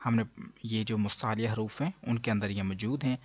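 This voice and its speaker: A man teaching a Quran reading lesson. He explains each rule, then slowly drawls out the letter sounds for the listener. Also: lowish voice, steady tone, a little mellow, slightly rough, no echo. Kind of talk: step-by-step recitation lesson. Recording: dull dry lo-fi recording.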